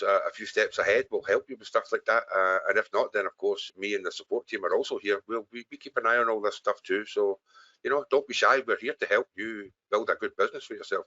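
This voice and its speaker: A Scottish man hosting a live webinar Q&A, brisk and encouraging, often repeating words as he moves things along. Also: on the low side, pushed and bright, no room sound. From Scotland. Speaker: webinar host. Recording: dry, muffled call audio.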